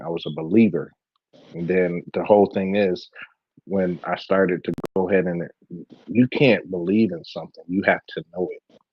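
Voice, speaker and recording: A man with a very low voice co-hosts a podcast in a loose, rambling storytelling way. The sound is dry and a little dull. He keeps the chat casual. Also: husky, dry recording. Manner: rambling, storytelling with many fillers. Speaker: podcast co-host.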